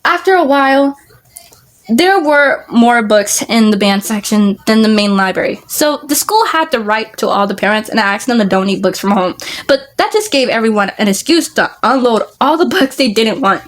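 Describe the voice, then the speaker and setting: A woman vlogger reads a book aloud in a relaxed, homemade way. Her voice sits slightly high, and she often stumbles and restarts words mid-sentence. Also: moderate pace. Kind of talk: casual read-aloud of a book.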